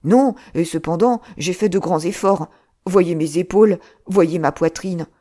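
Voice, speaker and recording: A woman reading an audiobook, voicing a fat, cowardly male monk who wails and pleads loudly. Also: lowish voice. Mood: pleading. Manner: lamenting, pleading, drawn-out wails.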